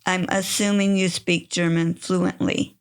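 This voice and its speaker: A woman's voice: lowish voice, little pitch movement, measured pace, clear, resonant tone. A woman hosting a podcast, reading a scripted introduction and then asking interview questions with enthusiasm. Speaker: podcast host.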